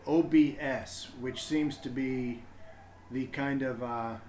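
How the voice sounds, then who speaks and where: In an echoey room with background noise, a man sets up a livestream where he, a parent, will read storybooks, talking casually and hesitantly as he thinks out loud. He speaks slowly in a mid-range voice with fairly even intonation and a darkish tone.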